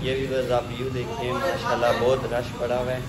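A man's voice: medium pitch, completely flat delivery, fairly quick. A man from Pakistan narrating a food vlog, speaking directly to his viewers and promoting the restaurant. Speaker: food vlogger. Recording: loud background noise.

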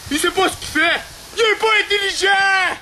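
A man's voice: very high-pitched, normal speed, slight background noise. A man with a Québécois French accent cutting a manic, screaming, swearing backyard wrestling promo. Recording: music playing loudly behind.

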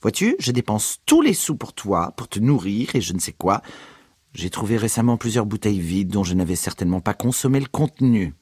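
A man voicing a fussy, nagging working-class mother in a raised, shrill voice. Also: big pitch swings, a little fast, darkish tone, slightly rough, no room sound, clean studio sound. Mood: insistent nagging.

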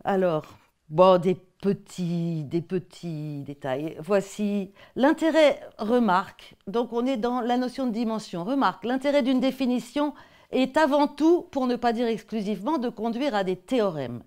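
A woman's voice: fairly high pitch, measured pace, darkish tone, clear, resonant tone. A woman with a French accent giving an academic talk on textbook excerpts, conversational and hesitant, often repeating words. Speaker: lecturer.

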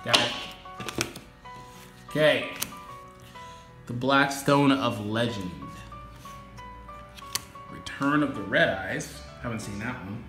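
A man's voice: mid-range voice, slow pace, long pauses, sharp tone. A man doing a casual unboxing vlog, listing off names and adding apologetic asides, recorded with an echoey room sound. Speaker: YouTuber unboxing trading cards. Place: indoor home room with echo. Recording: echoey room with music behind.

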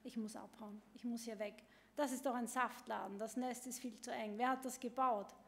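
A woman's voice: on the high side, fairly even intonation, moderate pace, lightly acted. A woman voicing a hungry, demanding, sulky female baby bird, complaining over and over, at a public literary reading. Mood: demanding, whiny. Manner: whiny, repeated complaining. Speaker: author reading her own text. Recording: long hall reverb.

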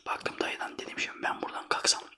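A man from Trabzon in Turkey whispering a casual, rambling ASMR anecdote in breathy, colloquial, foul-mouthed speech. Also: quick pace, sharp tone. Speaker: ASMR storyteller.

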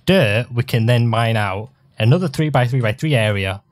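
A man's voice: medium pitch, expressive, normal speed, no room sound, clean studio sound. A young man with a teasing, joking manner, co-hosting a casual gaming session. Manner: teasing, joking, mock exasperated. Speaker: Let's Play co-host.

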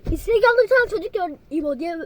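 A woman vlogging from inside a car, chatting to her viewers in a loud, teasing and crude way, with sudden yells and mumbled asides. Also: very high-pitched, expressive, quick pace, heavy background noise. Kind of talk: casual vlog chat to viewers.

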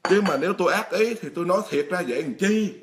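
A man's voice: high voice, lively intonation, fast, noisy background. A middle-aged man, a monk giving a blunt, emphatic sermon straight to his congregation. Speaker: Buddhist monk preaching. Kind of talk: dharma talk sermon.

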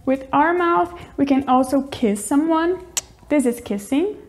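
High-voiced young woman teaching English. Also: expressive, a little slow, darkish tone. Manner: cheerful, explains with little demonstrations. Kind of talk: casual teaching with acted demonstrations.

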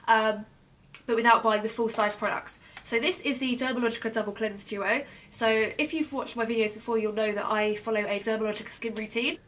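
Chatty British woman, slightly high voice. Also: a bit bright, slight background noise. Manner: chatty, enthusiastic product talk with many ums. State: losing her voice. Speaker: beauty blogger. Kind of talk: casual gift-guide vlog.

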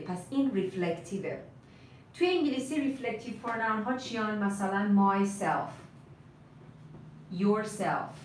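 A young woman, a native Persian speaker, teaching a live English lesson. She moves between Persian and English and slows down to drill words. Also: medium pitch, a little hiss or hum. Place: room, live stream. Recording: roomy, slightly distant mic with faint ambience.

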